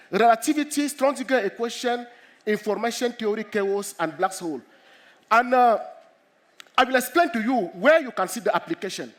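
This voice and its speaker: High-voiced man from Cameroon lecturing with a cold. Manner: earnest, repetitive, halting with many restarts. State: has a cold. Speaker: mathematics professor giving a talk. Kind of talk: public lecture to students.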